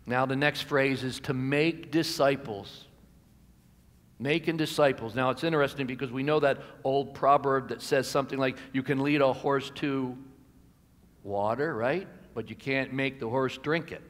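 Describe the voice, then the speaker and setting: The sermon comes from an American pastor in his sixties whose mid-range voice carries through the reverberant sanctuary via a gooseneck pulpit microphone. Deliberate and measured, he pauses to stress points and lets lines fall quietly.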